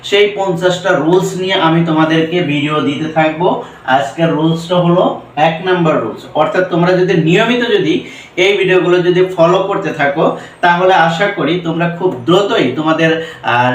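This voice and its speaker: A man teaching a pronunciation lesson, often asking a question and then answering it himself, with English phrases mixed into his explanation. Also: fairly high pitch. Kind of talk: classroom-style pronunciation lesson. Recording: roomy echo, voice from a distance.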